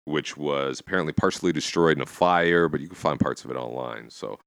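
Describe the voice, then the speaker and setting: Deep-voiced man hosting a film podcast. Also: fairly quick, creaky, fairly bright tone, no room sound, studio quality. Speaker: podcast host. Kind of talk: casual film discussion.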